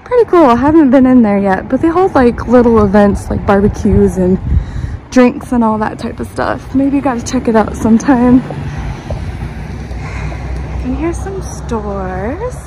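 A young mother talks playfully to her toddler while vlogging, her high voice unhurried and relaxed. She films on a handheld phone outdoors. The audio carries clear background noise. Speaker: stay-at-home mom vlogger. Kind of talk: casual vlog narration. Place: outdoors at a park and shopping street. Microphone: handheld phone camera. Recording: noisy outdoor phone recording.

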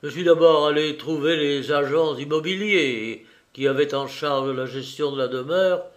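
Man doing a pompous, indignant old gentleman. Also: fairly high pitch, lightly acted. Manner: stiff, huffy and self-important. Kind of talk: audiobook reading.

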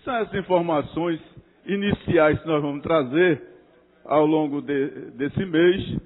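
A councilman speaks formally and critically, stopping and restarting as he addresses colleagues. His voice sits a bit high. The sound is thin and phone-like, with a long reverb from the chamber. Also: unhurried. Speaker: city councilor. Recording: reverberant chamber over a tinny narrow-band feed.

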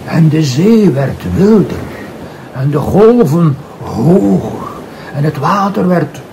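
An older man, a grandfather, reading a bedtime story slowly and expressively. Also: a little high, expressive, gravelly, warm tone, slight background noise.

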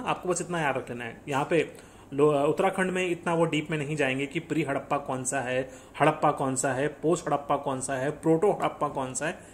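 There's a faint hiss or hum behind this man's slightly high voice. He's teaching an exam-prep class in lecture style, breaking ideas down step by step, posing quiz questions and answering them himself, often using English phrases.

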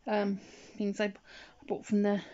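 A woman's voice: medium pitch, monotone, normal speed, dark tone. Lady chatting away casually at home, heavy breathing, bit muffled lo-fi phone sound. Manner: heavy, audible breathing while talking. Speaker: hobbyist doll vlogger. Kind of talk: casual rambling chat while dressing a doll. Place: indoors at home, hands-on beside a bed. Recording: slightly dull lo-fi phone sound.

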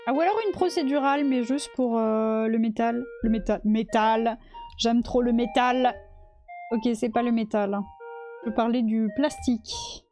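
A woman's voice: a little high, moderate pace, mellow, soft background music. A woman live streamer chatting casually with her chat while she models in 3D, laughing often.

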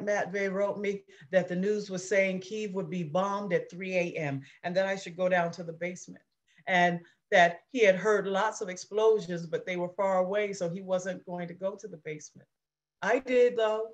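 An anxious, war-weary mother, read by a woman in a play reading, tells her story in an earnest and measured way. Her voice sits at a mid pitch. It sounds as if it comes through a video call. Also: highs cut off, lightly acted. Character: anxious middle-aged mother recounting war.

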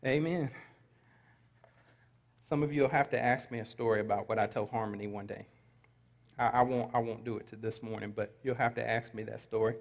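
A man's voice: mid-range voice, steady tone, a little fast, creaky, long pauses. A middle-aged man preaching a sermon in a large church sanctuary, reading scripture aloud and adding light asides to the congregation. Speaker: pastor. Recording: long reverb of a large hall.

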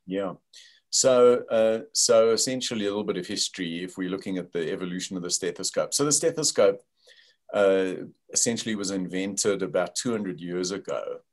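An older South African man, a company founder, explains his work over a video call at a moderate pace. His voice sits low, and he speaks thoughtfully with many fillers.

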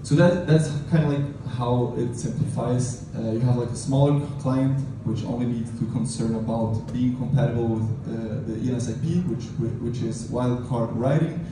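A man in his thirties speaking at a conference in an informal technical lightning talk, with hesitant, halting delivery and repeated words. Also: medium pitch. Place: medium conference room, indoors. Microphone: handheld mic through PA, picked up by a distant camera. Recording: roomy, distant, noisy room recording.

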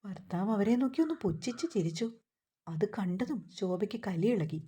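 A woman narrating a family story in a steady reading voice. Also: medium pitch, normal speed.

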